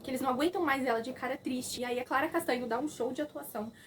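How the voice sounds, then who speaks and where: A young woman with a Brazilian Portuguese accent gives a casual, lively recap of a film and acts out the characters' lines. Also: high voice, racing, a little hiss or hum. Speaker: film reviewer.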